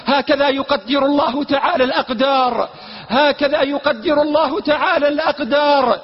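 A man preaching a sermon with passion, at times chanting and shouting. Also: very high voice, steady tone, moderate pace. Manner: impassioned, with chanted and shouted passages. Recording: reverberant hall, dull lo-fi sound.

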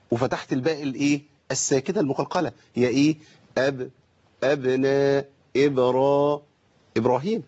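Husky Egyptian sheikh teaching recitation. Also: male voice, on the high side, a little mellow, highs cut off. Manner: explanatory, drawn-out recited demonstrations, rhetorical questions. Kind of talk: broadcast tajweed lesson.

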